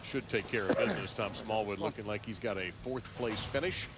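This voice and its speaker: A man's voice: lowish voice, fairly quick, heavy background noise. An American man giving live play-by-play sports commentary as the announcer.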